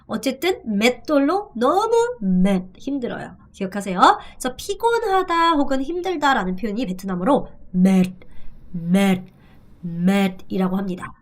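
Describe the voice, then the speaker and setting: A middle-aged woman, a native Korean speaker, teaches a language in a video lesson with a voice on the high side. She repeats phrases slowly for drilling and adds playful asides.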